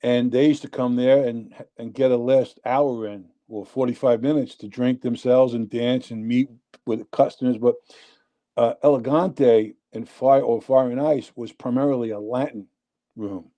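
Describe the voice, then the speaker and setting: Dark, mellow and never bright, the voice of this man in his sixties sits at an ordinary middle pitch as he spins winding tales in a thick New York accent. He's a guest on an informal chat show, speaking at a moderate pace with animated, rambling energy.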